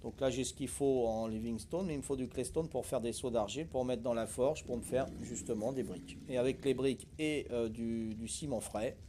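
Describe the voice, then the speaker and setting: An older Corsican man, a gaming streamer, casually talks viewers through a survival game as he plays, chatty and folksy with plenty of hesitations and tag words. His voice is medium-pitched and dark, fairly quick with hardly any pauses, and there's a little hiss or hum.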